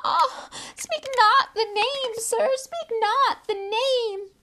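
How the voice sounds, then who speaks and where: A tiny, tearful male house-elf, as a woman reads him, squeaking far above ordinary speech with a gravelly, strained edge. His voice swoops wildly up and down as he pleads and fusses, always fervent and servile, like a creature from a storybook. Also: sing-song, a little slow, fairly bright tone, exaggerated voice. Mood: fearful. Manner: refers to himself in the third person, fervent and pleading.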